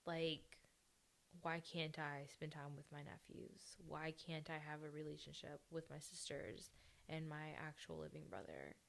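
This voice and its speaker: Gravelly low-voiced woman venting bluntly. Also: a little slow, fairly bright tone, a little hiss or hum. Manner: blunt, heavily profane venting. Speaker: podcast host. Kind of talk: candid personal monologue.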